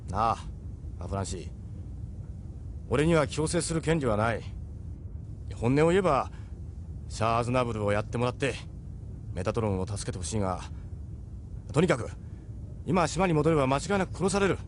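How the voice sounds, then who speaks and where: In a Japanese audio drama, a man voices a seasoned, middle-aged ship captain who is persuasive, frank and worldly. His natural, mid-range voice has a sing-song quality at normal speed with long pauses. A slight hiss or hum is audible.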